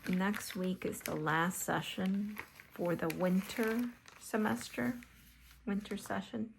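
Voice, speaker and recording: A sleepy woman chatting casually and softly while crafting at her table, often half-whispering and yawning. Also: mid-range voice, steady tone, slow, vocal fry, noisy background. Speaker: mixed media art vlogger.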